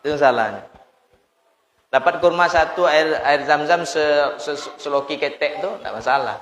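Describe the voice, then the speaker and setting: A man's voice: on the high side, moderate pace. A man preaching a humorous sermon to a congregation, telling stories with mimicked voices and laughter. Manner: animated storytelling, mimics voices and chants, laughs often. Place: prayer hall with congregation. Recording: echoey hall, faint room noise.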